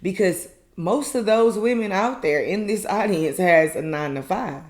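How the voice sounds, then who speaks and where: A woman's voice: medium pitch, lively intonation, normal speed. A woman host giving a casual, chatty recap review of a reality show in a colloquial, filler-heavy way. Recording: echoey room.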